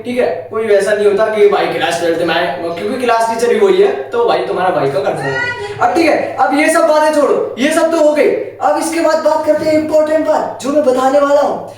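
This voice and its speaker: Teen male vlogger, high-pitched and animated, indignant storytelling, recorded far from the mic in an echoey room. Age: late teens. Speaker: vlogger, school student. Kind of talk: casual storytelling vlog.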